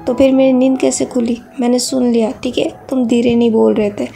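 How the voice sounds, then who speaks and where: A woman's voice: a little high, little pitch movement, brisk, vocal fry, dark tone, faint music behind. A woman voicing a moody, teasing young male student in a read-aloud story, sulky and snappish. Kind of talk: reading a fan fiction story aloud.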